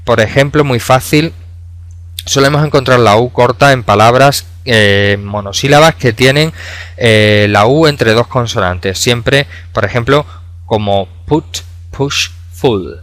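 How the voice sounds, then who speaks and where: A man in his thirties teaching English pronunciation in a video lesson, explaining patiently with many pauses and fillers. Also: medium pitch, a bit bright, dry recording. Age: 30s. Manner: explanatory, hesitant with frequent fillers.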